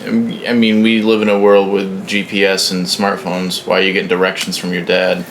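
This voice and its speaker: A man's voice: low voice, completely flat delivery, moderate pace, gravelly, roomy sound, a little hiss or hum. A man co-hosting a comedy podcast, blunt and wry, often sounding exasperated in casual banter. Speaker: podcast co-host.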